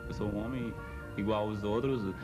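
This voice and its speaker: Man, 30s, plain-spoken, over loud music. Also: fairly low pitch, fairly even intonation, moderate pace. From Piauí, Brazil. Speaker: interviewee. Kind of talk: documentary interview.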